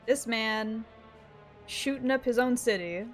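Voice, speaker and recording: A woman game streamer chatting casually on a livestream in a playful, expressive, sometimes sweary way. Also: a little high, slow. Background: game music.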